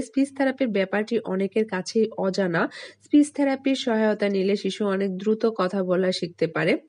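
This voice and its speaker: A woman hosting a parenting channel, reading scripted tips in an even, instructive voice-over. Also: mid-range voice, dry recording.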